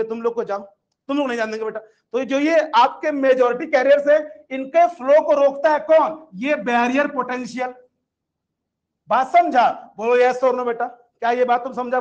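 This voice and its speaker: A man lectures an exam-prep class in a very high voice. He is chatty and coaxing, calling his students "beta" and "bhaiya". The recording is dull and lo-fi. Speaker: exam coaching teacher.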